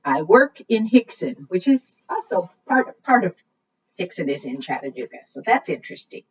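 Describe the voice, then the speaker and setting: Her voice sits fairly low and a bit husky, and she's very animated at a normal speed while reading to young children at preschool storytime. This librarian uses a sing-song style and often puts questions to the kids, though the distant microphone leaves everything muffled.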